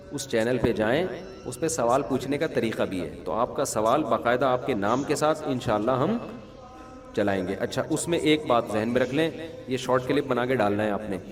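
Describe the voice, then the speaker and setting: Male mufti, mid pitch, chatty Q&A style with jokes, long hall echo. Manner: conversational, humorous anecdotes, asks listeners if they follow. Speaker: mufti answering questions. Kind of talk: religious Q&A talk.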